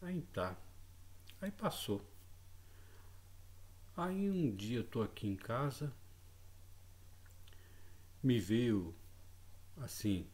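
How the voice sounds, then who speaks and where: A man with a fairly low voice recounts a personal story in relaxed, everyday speech. He stumbles and repeats words as he goes, tacking short checks onto his sentences. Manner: hesitant, repeats words, frequent tag questions. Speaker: channel host. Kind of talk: casual spoken storytelling.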